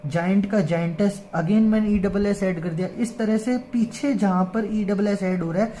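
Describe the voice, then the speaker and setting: A woman's voice: medium pitch, steady tone, dark tone, a little hiss or hum. A woman teaching grammar in Hindi, patient, often checking in with her listeners. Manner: patient, repeats "ठीक है" and "है ना" often; reads English lines slowly, word by word. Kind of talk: explaining an English grammar lesson in Hindi.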